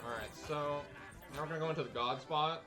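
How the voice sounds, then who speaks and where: A young man gives relaxed, slangy commentary on his own live speedrun, speaking a touch higher than most men. Loud game music plays under his voice throughout. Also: fast talker. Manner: casual and slangy, joking. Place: speedrun event stream. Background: game music and sound effects.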